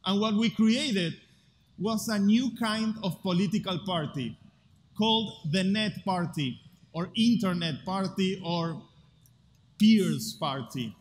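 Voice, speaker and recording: An Argentine man with a voice that sits high presents a conference talk on stage at a future festival, in a large hall there. A native Spanish speaker with an Argentine Spanish accent, he stays earnest and measured, leaving deliberate rhetorical pauses. The recording is live, with a long hall reverb, faint ambience, and a faint hum in the room.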